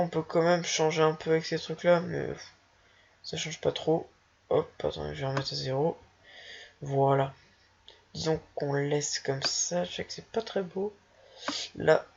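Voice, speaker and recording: A speaker casually walking through a software tutorial while thinking aloud, hesitant and self-mocking. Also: medium pitch, creaky, breathy edge. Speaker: tutorial maker. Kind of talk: casual screen-recorded software walkthrough. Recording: dull lo-fi home recording.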